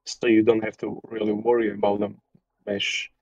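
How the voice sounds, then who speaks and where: A man explaining a software tool on an online call, talking hesitantly with restarts, heard through lo-fi audio over a weak connection. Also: fairly low pitch, completely flat delivery, moderate pace, no echo. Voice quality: hesitant, with many restarts and fillers. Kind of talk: casual technical explanation on a call.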